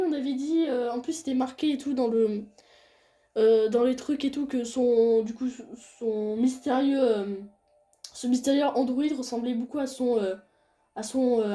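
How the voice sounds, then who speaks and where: A young woman reading a visual novel aloud and chatting casually about the game as she plays. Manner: reads game dialogue in a soft low voice, chats loudly and excitedly between scenes. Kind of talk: casual let's-play commentary.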